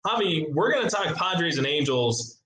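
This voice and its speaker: A man hosting a casual sports podcast, relaxed and chatty, laughing often and wandering into asides. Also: a little high, moderate pace, echoey room, rough recording. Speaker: podcast host.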